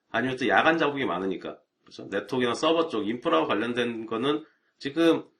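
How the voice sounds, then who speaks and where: On a live stream, a middle-aged IT networking instructor talks to his viewers in a relaxed, chatty way, tossing out rhetorical asides as he goes. He has a mid-range, somewhat bright voice.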